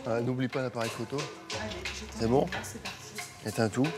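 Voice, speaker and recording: A man's voice: mid-range voice, fairly even intonation, normal speed, over music. A man on holiday talking casually to his partner, making short offhand remarks. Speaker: tourist. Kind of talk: casual on-location chat.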